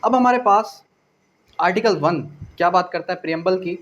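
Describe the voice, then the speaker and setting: A man with a Pakistani accent gives an exam-prep law lecture, explaining things point by point in a didactic way. He repeats phrases, asks rhetorical questions, and mixes in English legal terms. His voice sits high and is a bit bright, at a moderate pace.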